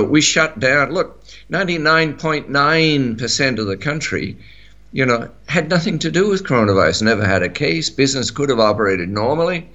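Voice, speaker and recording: A man's voice: mid-range voice, pushed and bright, lo-fi sound. A middle-aged man with an Australian accent, chatting on talk radio, rambling with many fillers and restarts. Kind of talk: casual talk radio chat.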